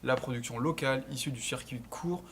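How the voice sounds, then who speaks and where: Man, twenties, from northern France, scripted pitch narration, earnest, measured, mid-pitched. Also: a bit bright, slight background noise. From Lille area, northern France. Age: 20s. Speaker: entrepreneur presenting his project.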